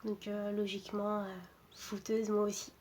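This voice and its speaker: A woman in her twenties, from Portugal, a footballer introducing herself in a casual, hesitant way with many pauses and restarts. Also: medium pitch, monotone, a little mellow, a little hiss or hum. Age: 20s. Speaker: footballer interviewed. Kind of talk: casual self-introduction to camera.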